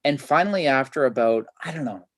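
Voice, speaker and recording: A man hosts a video-call interview, talking in a chatty, enthusiastic way with plenty of fillers. His voice is mid-pitched and sounds dry and close. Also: animated, a little fast, no echo. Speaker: host. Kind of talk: casual interview.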